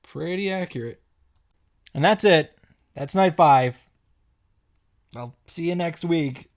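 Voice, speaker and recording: His voice is on the high side, and he takes it slowly. He is a man hosting a visual novel reaction and summary series, recapping the story with dramatic narration and wry commentary.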